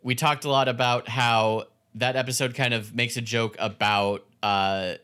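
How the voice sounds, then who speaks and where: Bright-voiced, halting male podcaster. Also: mid-range voice, steady tone, smooth. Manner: halting, filler-heavy phrasing with many "like"s. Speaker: podcast co-host. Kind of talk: casual chat recapping a show.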